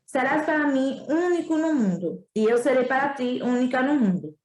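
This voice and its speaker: Woman doing a calm, wise storybook fox with a Northeastern Brazilian accent. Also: high voice, normal speed, roomy sound, rough recording. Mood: explaining. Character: wise patient female fox.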